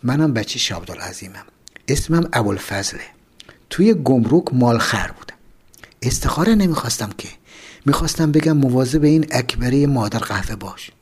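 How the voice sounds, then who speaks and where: Guy voicing a street-smart prisoner dude, gruff, low and secretive, voice bouncing around. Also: lively intonation, darkish tone. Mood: confiding.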